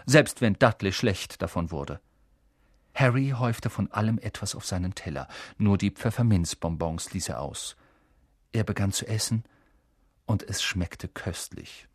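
A man narrating an audiobook in an expressive, storytelling manner. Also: lowish voice, normal speed, no echo, studio quality. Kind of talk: scripted narration.

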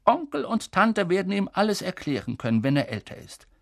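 Calm old wizard guy, reader doing the voice, slow and soft, husky, dry sound. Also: mid-range voice, no echo, voice pushed up. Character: old male wizard headmaster, calm and gentle.

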